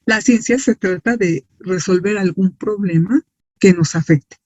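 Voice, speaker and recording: A Mexican-accented man delivers an unhurried science lecture in a high voice with a darkish tone, working through rhetorical questions he answers himself and using tag questions to seek agreement. The recording has no echo and sounds dull, dry, and lo-fi.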